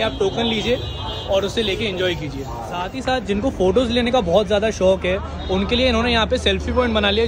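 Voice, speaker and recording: A young man casually vlogging about a restaurant, chatty and upbeat, asking staff questions on a phone camera. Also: high voice. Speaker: food vlogger. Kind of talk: casual food vlog. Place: busy city street outside a railway station and inside a restaurant. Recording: crowded street noise behind.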